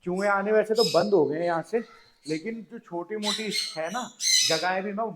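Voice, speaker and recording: Male pet vlogger, high register, playful scolding tone, noisy bird room. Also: moderate pace. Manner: chatty, scolds and coaxes his birds playfully. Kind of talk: casual home vlog. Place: at home among pet birds. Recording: noisy with bird squawks behind.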